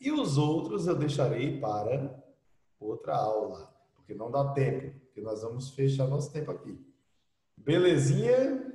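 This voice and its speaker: Lively male teacher in an echoey room. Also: mid-range voice, moderate pace. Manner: lively, acts out slang phrases and imitates people. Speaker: English teacher. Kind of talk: online class lesson. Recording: echoey room with long reverb.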